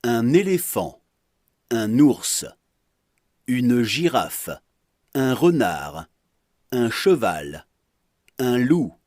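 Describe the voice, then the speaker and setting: Narrating a French lesson, a male teacher reads example phrases with careful pronunciation in a slow, scripted delivery. His mid-range voice is sing-song and darkish, very slow with frequent pauses, recorded dry and clean in a studio.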